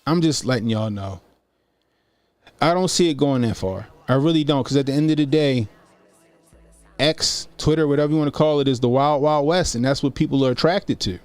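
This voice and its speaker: This forties-aged man talks briskly at a medium pitch while hosting a YouTube livestream. The commentary is informal, he repeats phrases to drive points home, and there's no echo.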